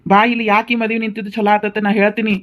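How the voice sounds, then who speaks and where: A woman's voice: mid-range voice, little pitch movement, racing, lightly acted. Woman voicing a patient young cartoon husband. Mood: reassuring. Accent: North Karnataka Kannada. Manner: coaxing, reassuring, chatty. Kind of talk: cartoon voice acting.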